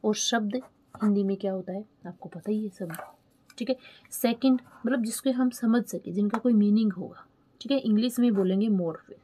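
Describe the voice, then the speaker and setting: A woman teacher, explaining an exam lesson slowly, repeating key terms and asking checking questions. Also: mid-range voice, dark tone, slightly rough. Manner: spells terms out letter by letter while writing. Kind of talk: online exam-prep lesson.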